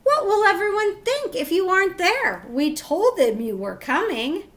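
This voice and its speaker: A woman's voice: extremely high pitch, big pitch swings, unhurried, fairly bright tone, voice pushed up, exaggerated voice. A woman voicing a patient but exasperated parent in a children's picture book, coaxing firmly and emphatically.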